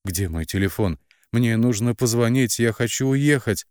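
A man's voice: deep voice, expressive, moderate pace, darkish tone, no room sound, studio quality. A man voicing a desperate, hurt young woman who pleads and cries out against her family. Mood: pleading. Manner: pleading, anguished.

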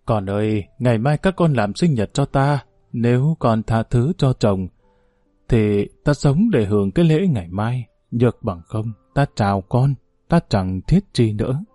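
A man voicing a gentle 105-year-old grandfather who pleads in a trembling, soft voice. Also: medium pitch, expressive, measured pace, dry recording, studio quality, soft background music. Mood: pleading, trembling.

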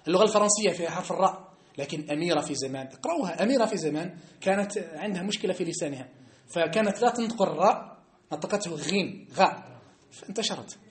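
In an echoey room, a man with a North African Arabic accent teaches a religious class in a high, expressive voice at a quick pace. He speaks emphatically and keeps asking his listeners, rhetorically, whether they have understood.

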